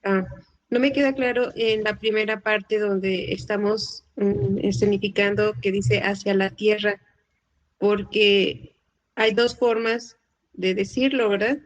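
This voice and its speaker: Slow-talking woman student on a call. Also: mid-range voice, fairly even intonation. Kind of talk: asking a question in class. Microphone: video call. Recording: dull lo-fi call audio.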